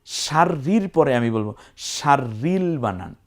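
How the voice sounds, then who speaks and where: A man with a Bangladeshi Bengali accent teaching recitation, explaining letter by letter and chanting words in long drawn-out tones. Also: mid-range voice, lively intonation. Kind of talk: spelling-out lesson.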